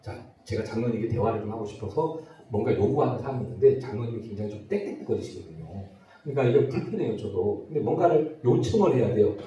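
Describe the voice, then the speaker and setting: A middle-aged man giving a humorous lecture, acting out dialogue in lively voices. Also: on the low side, quick pace, highs cut off. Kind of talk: humorous lecture on personality types. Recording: very echoey hall, voice from a distance.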